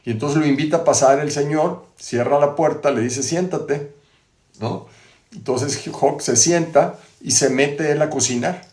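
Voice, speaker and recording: A man's voice: a little high, moderate pace, darkish tone. A man, retelling a biography in a conversational way, full of tag questions and restarts, in a roomy-sounding recording. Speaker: host. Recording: roomy echo.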